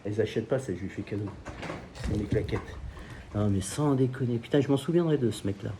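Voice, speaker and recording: A man's voice: fairly low pitch, quick pace, noisy background. A man from France telling crude, joking anecdotes about selling knives in a casual vlog, swearing often. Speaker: knife seller. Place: at home by a pool.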